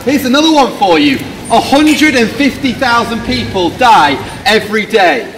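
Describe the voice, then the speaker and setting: Man preaching loudly on a rainy street. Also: very high-pitched, expressive, normal speed, over music. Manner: loud, questioning the crowd, gesturing widely. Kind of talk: open-air street sermon. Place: rainy pedestrian shopping street outdoors. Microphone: camera a few metres away, no visible mic. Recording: distant outdoor street recording with noise.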